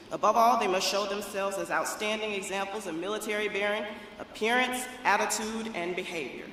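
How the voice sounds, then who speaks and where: Very echoey, bright-voiced female ceremony announcer. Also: medium pitch. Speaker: master of ceremonies, Navy officer. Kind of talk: formal scripted ceremony announcement. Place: large indoor drill hall. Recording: very echoey hall, distant, faint noise.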